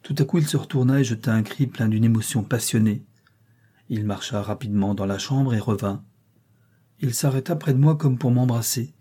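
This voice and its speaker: This is a man reading a classic novel for an audiobook. His husky, mid-range voice keeps to a measured, even storytelling style.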